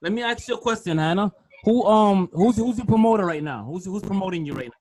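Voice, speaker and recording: A man's voice: high voice, lively intonation, fast, darkish tone. A man hosting a casual podcast interview, eager, repeating his questions and cutting in. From raised in Brooklyn and Boston. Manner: eager, repeats himself, cuts in. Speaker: podcast host.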